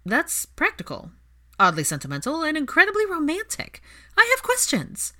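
A brash, teasing young woman, as a woman puts her on for a spoken story. She's loud and bossy, pitched well above the reader's own voice. Her lines swoop up and down. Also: sing-song, fairly quick.

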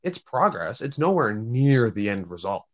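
A man's voice: mid-range voice, sing-song, normal speed. A man co-hosting casual sports banter over a group voice chat, making his points in a matter-of-fact way. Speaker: sports podcast co-host. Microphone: remote voice chat call.

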